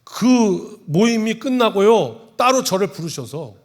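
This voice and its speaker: A male pastor preaches in a church in a loose, conversational way. He jokes and pulls the congregation into role-play. His voice sits a little high for a man. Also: sing-song, slow. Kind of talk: sermon. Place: church sanctuary.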